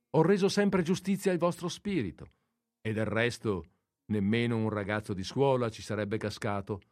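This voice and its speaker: A man reading aloud and voicing a sharp-tongued, flirtatious society lady in a mocking, teasing tone. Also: dry recording, clean studio sound, lightly acted. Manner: mocking and teasing, raised pitch.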